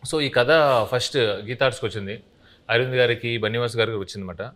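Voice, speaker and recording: A film director answering interview questions, explaining at an easy pace and laughing lightly now and then. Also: male voice, mid-range voice, fairly even intonation, fast talker, a bit bright.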